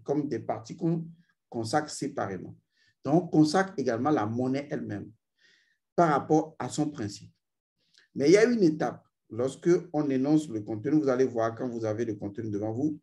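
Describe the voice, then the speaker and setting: A man teaching a spiritual ritual, speaking slowly and intoning drawn-out vowel sounds for his students. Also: medium pitch, animated, mellow. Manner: addresses learners directly, repeats "vous voyez". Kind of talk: esoteric ritual instruction.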